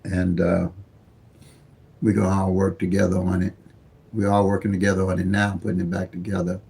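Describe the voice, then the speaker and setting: Gravelly-voiced man in his seventies. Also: sits low, monotone, a little fast, a little mellow. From St. Louis, USA. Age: 70s. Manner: rambling, repeats and restarts words; plain-spoken, folksy. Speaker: lottery livestream host. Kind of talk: casual livestream chat.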